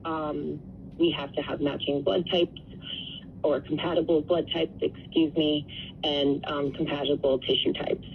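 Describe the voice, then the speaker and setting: A woman with a deep, level, slightly slow voice is interviewed as a radio guest by telephone. She explains things earnestly and conversationally over a tinny line with faint noise.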